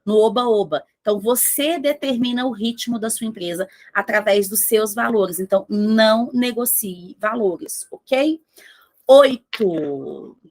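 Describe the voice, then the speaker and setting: A woman's voice: on the high side, unhurried, few pauses. Emphatic woman business mentor. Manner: emphatic, asks rhetorical questions, acts out listeners' questions. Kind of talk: motivational talk to entrepreneurs.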